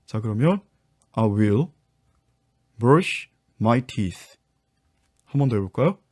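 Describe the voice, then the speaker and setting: A man leads an online English lesson and takes his viewers patiently through each step. His voice is mellow and relaxed, and his pitch sits in the middle range. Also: very slow, slightly rough. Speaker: English teacher and book author.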